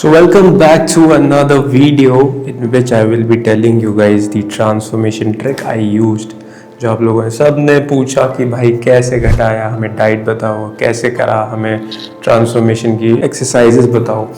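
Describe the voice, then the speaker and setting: A man's voice: mid-range voice, fairly even intonation, slow pace, dark tone. A young man, mixing Hindi and English as he explains his fat-loss diet step by step in a casual vlog. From India. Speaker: fitness vlogger. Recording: roomy with faint music.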